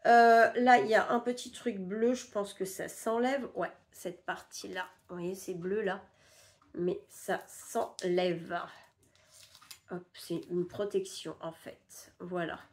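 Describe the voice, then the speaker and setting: A woman's voice: mid-range voice, steady tone, slow pace. A woman from France chatting casually through a shopping haul, rambling with fillers and sounding sick and stuffy. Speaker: vlogger showing a shopping haul. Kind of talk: casual haul chat to camera.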